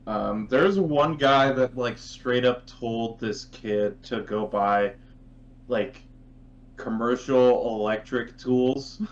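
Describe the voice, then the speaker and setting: A man's voice: mid-range voice, slow. A man co-hosting a podcast, griping casually and profanely about his work. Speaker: podcast co-host. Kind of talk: casual chat. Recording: dull mic with faint hum.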